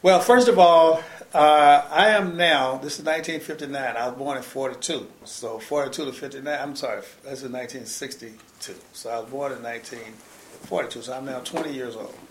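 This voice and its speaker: Older man, oral history interview, rapid delivery, emphatic, many restarts, echoey room. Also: mid-range voice, a little hiss or hum. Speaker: interviewee, former civil rights organizer. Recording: roomy echo.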